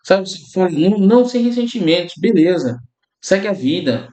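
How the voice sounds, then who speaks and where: A man's voice: high-pitched, lively intonation, brisk, mellow, echoey room, lo-fi sound. A man preaching a sermon as a pastor, in a conversational way, often calling out to his listeners and checking in with them. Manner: conversational preaching, often addresses listeners as brothers and tags lines with "né?".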